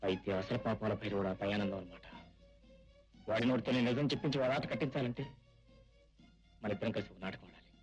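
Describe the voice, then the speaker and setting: A man playing a quick resolute young hero. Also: lowish voice, lightly acted. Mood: determined. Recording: film soundtrack with background music.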